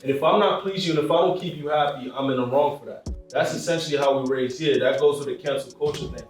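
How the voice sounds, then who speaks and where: A man from Cameroon talking in a casual podcast chat, emphatic and animated. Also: on the high side, fast talker. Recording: echoey room, far from mic, faint music.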